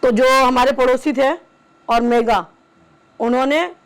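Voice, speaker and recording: A middle-aged woman speaking haltingly, with many pauses, about her family as a mother. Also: high-pitched, steady tone. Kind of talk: emotional personal testimony.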